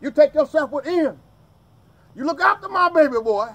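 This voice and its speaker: A man's voice: very high-pitched, expressive, moderate pace, pitched above the performer's own voice. A man voicing a stern old mother who gives her son orders. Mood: scolding. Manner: commanding, scolding.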